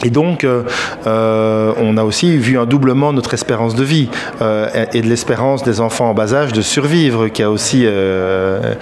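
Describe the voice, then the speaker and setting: A man talks through his ideas in a slow, searching way, dotted with hesitations. His voice sits at an ordinary middle pitch. A faint hiss of background noise sits under the recording. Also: a little mellow. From Belgium. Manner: thoughtful, hesitant, many filler pauses. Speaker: fantasy author. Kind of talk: reflective interview answers.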